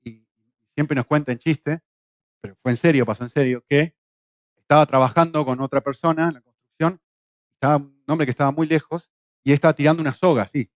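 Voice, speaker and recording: A middle-aged man from Argentina with an Argentine Spanish accent, teaching a Bible class in a lively way, with rhetorical questions and jokes. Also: a little high, a little fast, no echo. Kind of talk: church class lecture. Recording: dull, lo-fi, dry sound.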